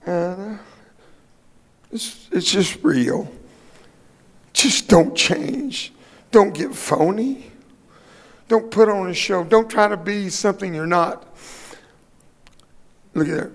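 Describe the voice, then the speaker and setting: Speaking slowly and pausing often, a high-voiced older man, originally a Spanish speaker, preaches as a guest in a church sanctuary that sounds like a large hall. His folksy sermon leans on humorous personal stories and emphatic delivery.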